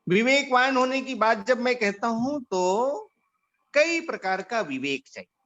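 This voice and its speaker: A man from India gives a slow, deliberate instructive talk to volunteers. His fairly high voice swings widely in pitch as he tells parables. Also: animated, fairly bright tone, lo-fi sound. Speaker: organisation leader giving guidance to volunteers.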